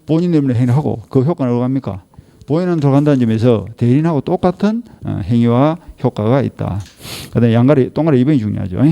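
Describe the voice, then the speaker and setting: A man's voice: mid-range voice, animated, quick pace, gravelly, dark tone. A middle-aged man with a Gyeongsang Korean accent gives an exam-prep law lecture, scolding and teasing his students with rhetorical questions.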